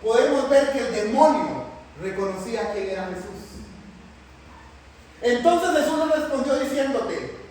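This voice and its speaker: A man teaching a Bible class in a lively way, often putting questions to the class. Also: very high-pitched, a little slow. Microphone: far from the mic. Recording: echoey hall from far off, faint noise.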